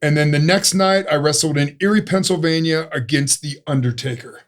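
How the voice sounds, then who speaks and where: A stuntman and actor in his fifties from Ohio chats casually as a podcast interview guest, speaking with an Ohio accent. His voice sits a little higher than most men's, and he tells his stories briskly with jokey, self-mocking humor.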